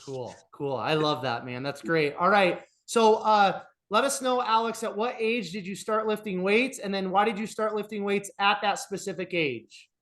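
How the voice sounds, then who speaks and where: A man's voice: sits high, moderate pace, few pauses, fairly bright tone. A man hosting a podcast interview, asking questions in a friendly way with many "uh"s and repeated words. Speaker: podcast host.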